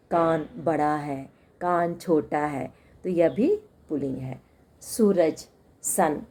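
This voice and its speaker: A woman teacher giving a lesson to children, explaining slowly, repeating words and mixing in simple English. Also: sits low, mellow, slight background noise.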